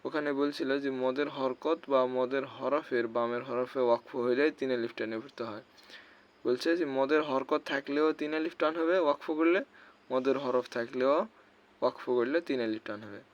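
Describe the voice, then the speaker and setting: A man teaching Quran recitation rules step by step, often checking "okay?" and slowly drawing out recited syllables. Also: mid-range voice. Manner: explains step by step, often checks with "ঠিক আছে?". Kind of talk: explanatory lesson. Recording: slightly dull lo-fi sound.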